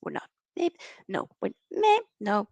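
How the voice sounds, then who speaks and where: A woman's voice: medium pitch, huge pitch swings, unhurried, creaky, a little mellow, no echo, highs cut off. A young woman from Norway hosting a casual football livestream, chatting with viewers and reading out their comments. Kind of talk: casual live-stream chat with viewers.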